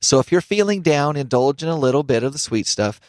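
A man's voice: fairly high pitch, lively intonation, brisk, no echo. A man hosting a studio talk show, cheerfully reading out tips and bantering with his co-host. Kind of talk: upbeat scripted talk show. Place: radio studio. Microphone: studio microphone.

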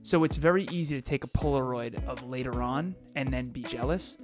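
A man's voice: medium pitch, a little fast. Motivational male co-host over music. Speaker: podcast co-host. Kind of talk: scripted motivational podcast intro.

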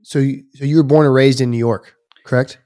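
A man interviewing a guest, friendly and agreeable as he asks his questions. He talks fast in a middle-pitched voice. The sound is dry and close to the mic. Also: fairly even intonation, dark tone, no echo. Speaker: interviewer, host. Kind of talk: casual interview conversation.

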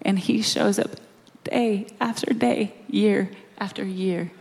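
A middle-aged woman preaching a sermon in a slow, earnest way, dropping to quiet, soft stretches. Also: mid-range voice, fairly even intonation, gravelly, long reverb tail.

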